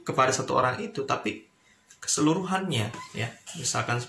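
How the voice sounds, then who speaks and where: A man's voice: mid-range voice, expressive, fairly quick, vocal fry. A man, a university lecturer, talking casually in a teaching vlog with lots of fillers. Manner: chatty, explanatory, with frequent fillers. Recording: echoey room with noise.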